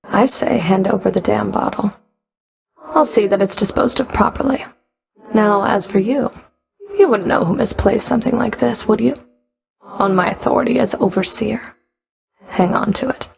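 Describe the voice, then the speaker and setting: She plays a stern Fury of the underworld in a video game, giving commands with a sardonic, clipped dryness and a reluctant, guarded authority. Her voice has an ordinary female pitch laden with vocal fry, delivered at normal speed with long pauses.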